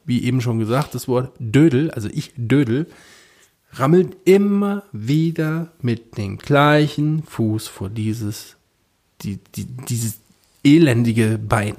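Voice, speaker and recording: A man's voice: mid-range voice, slow pace. Rambling man telling a story. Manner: animated storytelling, many fillers and restarts. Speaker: podcast co-host. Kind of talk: casual chat.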